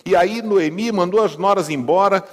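Brief: Brazilian male pastor, funny storytelling sermon, a touch high, echoing church hall. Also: normal speed. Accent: Brazilian Portuguese. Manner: humorous, conversational, asks the congregation. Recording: long hall reverb.

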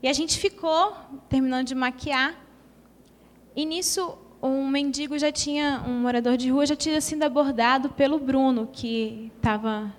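A woman's voice: high voice, fairly even intonation, normal speed. A Brazilian woman giving an earnest, emotional testimony in a church hall. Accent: Brazilian Portuguese.

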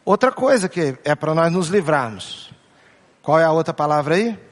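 Man, brazilian portuguese accent, pastor, humorous sermon, a bit high-pitched, questions the crowd. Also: expressive, normal speed. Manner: playful, acts out family voices and jokes with the crowd; asks the congregation questions and repeats key phrases.

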